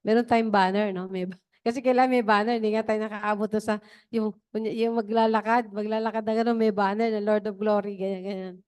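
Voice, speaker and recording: A woman's voice: medium pitch, level tone, a little fast, darkish tone, clear, resonant tone. A woman preacher giving a chatty, digressive testimony during a worship service.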